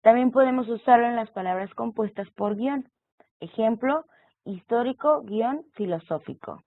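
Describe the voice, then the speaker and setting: Her voice is a little high and she talks at normal speed as an online course teacher, walking through examples of punctuation and text structure. The recorded lecture has tinny, phone-like audio and no room sound.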